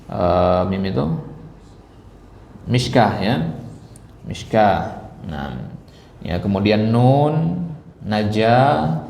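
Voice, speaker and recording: A man's voice: lowish voice, creaky, a little mellow, a little hiss or hum. A man teaching a study class in a mosque hall, patiently repeating words and quizzing his listeners. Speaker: Quran teacher.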